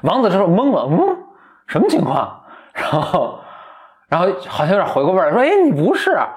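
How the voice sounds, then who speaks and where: A man co-hosting a podcast, casually retelling a story in an animated way, laughing often and acting out the characters. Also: sits high, fairly quick. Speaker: podcast co-host.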